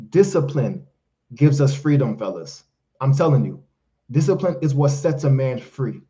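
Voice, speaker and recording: On a live-stream Q&A, a life coach whose first language is Haitian Creole hands out emphatic, preachy motivational advice, calling listeners fellas and brother. His mid-range voice is warm, though the recording sounds muffled.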